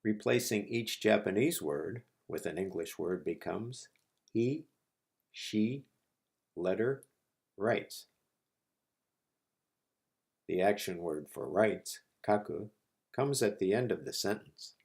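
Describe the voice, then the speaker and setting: A man teaching a language lesson, repeating each word slowly and patiently for learners. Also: fairly low pitch, animated, gravelly, a little mellow. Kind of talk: slow, patient lesson narration.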